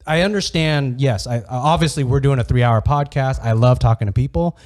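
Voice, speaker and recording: A man's voice: mid-range voice, fairly quick, a little mellow. A man hosting a podcast, chatting casually and often cutting himself off mid-thought. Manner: chatty, self-interrupting. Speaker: podcast host. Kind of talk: casual conversation.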